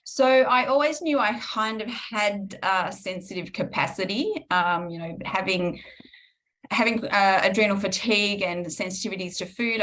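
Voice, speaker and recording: A middle-aged woman from Perth, Western Australia, speaks with an Australian accent in a medium-pitched, fairly bright voice. As a guest healing practitioner, she answers interview questions reflectively, with lots of ums and restarts.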